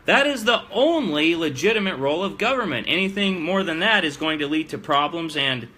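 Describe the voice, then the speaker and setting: A man's voice: on the high side, animated, brisk, bright, forceful tone. A man hosting a live show, giving emphatic, plain-spoken political commentary to his audience.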